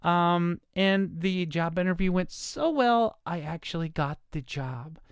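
In a casual solo monologue, a fifties-aged woman hosting her podcast wanders hesitantly, self-deprecating and filling pauses often, her allergy-stuffed sinuses making her slightly nasal. She speaks animatedly and a little slowly in a low-leaning voice with a clean tone, captured in a studio without echo.

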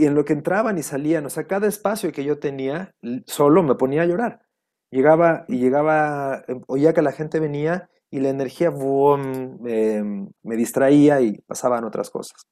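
A man recounts a personal story in an interview. His voice is mellow and warm, sitting at an ordinary pitch for a man, and he speaks reflectively, often quoting what was said. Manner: heartfelt, reflective, quoting past conversations. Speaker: guest.

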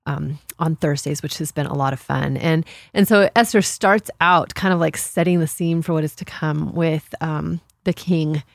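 A woman with a low voice talks as a podcast guest. She explains in a thoughtful, conversational way, sometimes halting to find her phrasing, in a dry recording. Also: creaky, no echo. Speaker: podcast guest, women's Bible study teacher.

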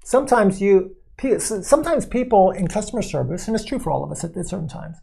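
A man co-hosting a podcast, giving measured explanations in a conversational way and sometimes acting out what callers say. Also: high voice, very animated, gravelly, dark tone, husky. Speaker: podcast co-host explaining investing.

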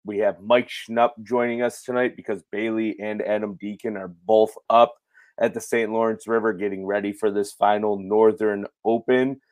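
A hoarse, raspy man whose voice goes in and out, hosting a casual live fishing show. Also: on the low side, flat delivery, moderate pace, a little mellow, no room sound. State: hoarse, voice cutting in and out from losing it. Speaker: podcast host.

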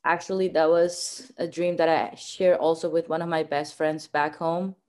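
A woman's voice: low voice, fairly even intonation, moderate pace, darkish tone. A woman from Venezuela, a guest answering interview questions in a chatty way, often laughing and using fillers. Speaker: guest, marketing manager.

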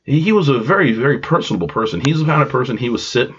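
Very fast and animated, a mid-range-voiced man hosts a podcast while congested with a cold. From Long Island, New York, he tells a rambling, self-deprecating story with side tangents, on a dull lo-fi home recording with a little hiss or hum.

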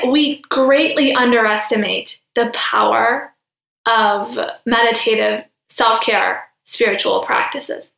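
A woman's voice: a little high, a bit bright, echoey room. A young adult woman hosting a spiritual podcast, talking in an earnest, chatty way with fillers. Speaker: podcast host.

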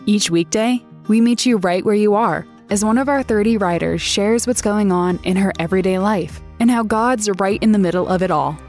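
A woman's voice: medium pitch, normal speed. A woman host giving a scripted podcast introduction in a friendly, welcoming way. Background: soft music.

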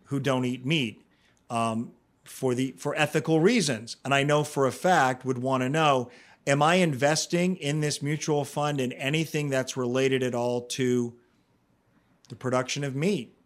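A man's voice: medium pitch, measured pace. A man hosting an interview in a conversational way, wording things at length and acting out imagined remarks. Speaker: host.

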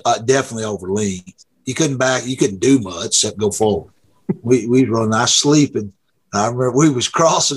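A man's voice: medium pitch, husky. A middle-aged man, a drag racer guest telling a folksy, rambling story with laughs. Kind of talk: casual storytelling.

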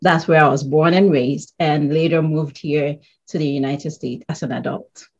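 A woman from Ghana, answering interview questions in a measured, thoughtful way and pausing with ums. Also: low voice, steady tone, darkish tone, breathy edge, highs cut off. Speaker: guest artist.

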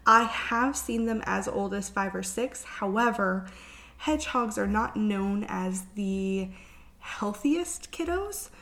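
A woman hosting a casual solo podcast as a vet, sounding under the weather, weary and halting, as if hungover. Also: mid-range voice, animated, a bit bright. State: sick with flu-like illness, worn out. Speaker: veterinarian podcast host.

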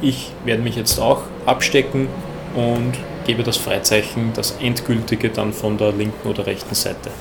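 Man, Austrian accent, lowish creaky voice, measured expert explanations, background noise. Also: level tone. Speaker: interviewed airport ground handling manager. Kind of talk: explanatory interview answers.

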